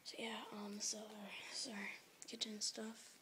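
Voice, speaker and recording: A woman's voice: mid-range voice, completely flat delivery, measured pace, background noise. A teenage girl whispering as she gives a late-night tour of her house, rambling with lots of fillers. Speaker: vlogger giving a home tour. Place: house at night, family asleep.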